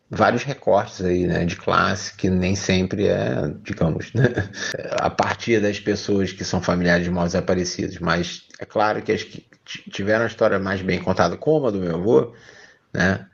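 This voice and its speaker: A Brazilian man interviewed as an activist, speaking hesitantly and filling pauses. His voice is very deep and strongly gravelly, with a husky edge. The recording sounds a little dull. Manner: hesitant, many fillers. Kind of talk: casual interview.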